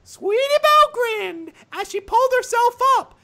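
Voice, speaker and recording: A woman voicing a squeaky, cheerful cartoon mouse in a strained falsetto while reading a story aloud. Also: animated, fairly bright tone, full character voice. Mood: squeaky narrating. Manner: squeaky Mickey Mouse-style falsetto, slow storybook delivery. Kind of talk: comic fan fiction read-aloud.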